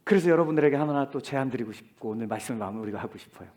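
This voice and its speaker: A male pastor delivering a sermon in a church, swinging between loud exclamations and hushed whispers. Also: mid-range voice, expressive, rapid-fire. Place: church sanctuary.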